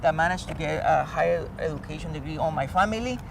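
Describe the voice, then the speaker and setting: Talking fast in a voice on the high side, a native Spanish speaker from Colombia, with a Colombian accent, earnestly explains things as an interview guest. He's a professor and climate change expert, and his talk is animated. He's captured outdoors on a distant mic amid clear traffic noise.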